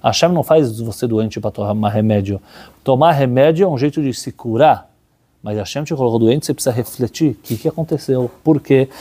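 Husky, dark-voiced man giving a sermon. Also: medium pitch. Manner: animated storyteller, voices characters in dialogue. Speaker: religious teacher. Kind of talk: storytelling sermon.

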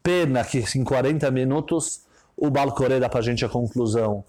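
A man with a Brazilian Portuguese accent giving a storytelling sermon as a religious teacher, stressing points by swinging his pitch up and down. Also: moderate pace, warm tone.

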